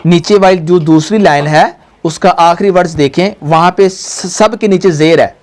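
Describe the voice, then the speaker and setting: A woman's voice: on the low side, normal speed, darkish tone. A woman, a Quran teacher patiently guiding a pupil, drawing out each syllable and having it repeated. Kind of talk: patient recitation lesson.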